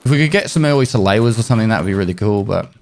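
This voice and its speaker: A man's voice: lowish voice, animated, racing. A man giving casual gameplay commentary as a streamer, explaining tips and swearing now and then. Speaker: gaming streamer. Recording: loud game noise under voice.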